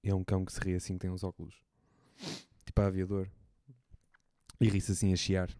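A young man with a European Portuguese accent talks fast in a low voice, teasing and blunt in casual podcast chat. The sound is dry and close to the mic. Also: monotone, mellow, dry recording. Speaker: podcast co-host.

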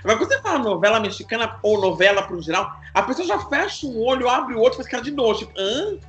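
A man in his thirties from Brazil, hosting a casual chat, animated and confessional, acting out other people's reactions. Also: extremely high pitch, racing, faint music behind.

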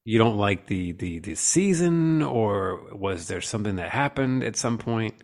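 A man's voice: on the low side, animated, a little slow, darkish tone. A man hosting a casual comedy podcast, riffing in a playful, profane and theatrical way. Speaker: podcast host. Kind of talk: casual comic chat.

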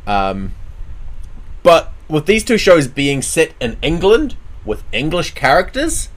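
A man's voice: on the high side, huge pitch swings, slow pace. Emphatic man hosting a casual chat. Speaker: show host. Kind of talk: casual opinionated chat about anime dubs.

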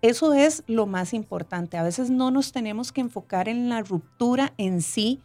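A woman's voice: a little high, animated, normal speed. A woman explains her points in a casual, thoughtful way. She tags her sentences with questions to keep the listener with her. Faint music plays under her voice. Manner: frequent tag question "¿verdad?", warm explanatory tone.

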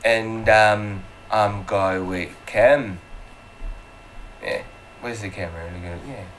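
A man's voice: lowish voice, takes it slowly, fairly bright tone, slight background noise. A man hosting a casual panel chat, upbeat and rambling with fillers. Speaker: host.

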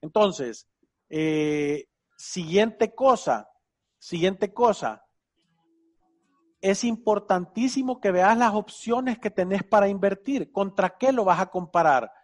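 A man's voice: high voice, animated, slow pace. A man with a Salvadoran Spanish accent hosting a casual financial advice show, enthusiastic and teasing. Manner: enthusiastic, teasing, uses vos. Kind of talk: casual radio advice chat.

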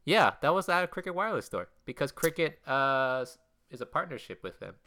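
Bright-voiced young man, casual chat. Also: a little high, big pitch swings, fairly quick. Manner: rambling, hesitant, with many restarts.

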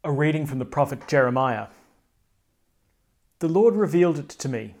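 A man's voice: on the high side, lively intonation, moderate pace, darkish tone. A man speaking as a priest at Mass, in a solemn, declamatory style of scripture reading and preaching. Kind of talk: liturgical scripture reading and homily.

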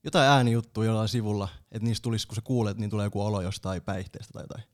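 A man, a guest musician on a podcast, answering in a relaxed way. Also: lowish voice. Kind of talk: casual podcast interview.

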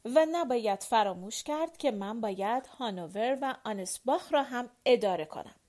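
A steady, affectionate general gives orders without fuss in an audiobook, read by a woman. The delivery is measured and warm in intent, kept near the reader's own fairly high voice. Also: close to an everyday voice. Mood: calm instructions. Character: calm, affectionate male general, gently commanding. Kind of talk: audiobook character voice.

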